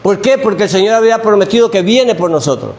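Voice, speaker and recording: Male preacher, high-pitched, quizzes his flock and repeats himself, light background noise. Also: fast. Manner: animated, asks the congregation questions and repeats phrases. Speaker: pastor. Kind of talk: sermon. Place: church.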